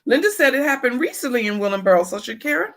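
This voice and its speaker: A woman's voice: sits high, sing-song, quick pace, fairly bright tone. A middle-aged woman hosting a podcast in casual chat, often repeating short affirmations and thanking viewers by name. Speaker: podcast host.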